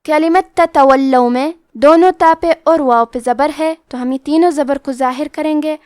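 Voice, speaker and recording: A woman's voice: high-pitched, darkish tone, no room sound, studio quality. A woman teaching Quran recitation rules, explaining pronunciation patiently and step by step.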